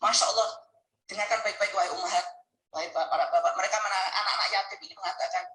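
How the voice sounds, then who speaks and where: A man preaching a sermon, telling a story with deep emotion and speaking straight to his listeners. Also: fairly even intonation, quick pace, sharp tone, reverberant, poor audio. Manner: emotional, earnest storytelling, addresses listeners directly. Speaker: Islamic preacher. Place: mosque hall.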